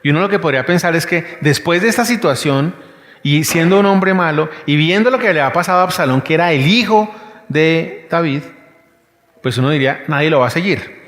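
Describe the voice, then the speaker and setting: A man's voice: a little high, fairly quick, fairly bright tone. A man preaching a sermon, teaching conversationally with rhetorical questions. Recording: long hall reverb.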